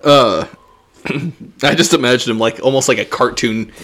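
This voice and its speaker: A man's voice: mid-range voice, moderate pace, fairly bright tone. A man co-hosting a podcast in casual comic banter, riffing jokily. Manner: jokey riffing, often laughing. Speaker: podcast co-host.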